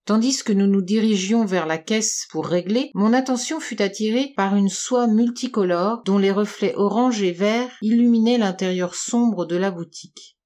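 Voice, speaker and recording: A woman's voice: mid-range voice, moderate pace, few pauses, mellow. Woman reading a first-person novel. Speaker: audiobook reader. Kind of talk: first-person literary narration.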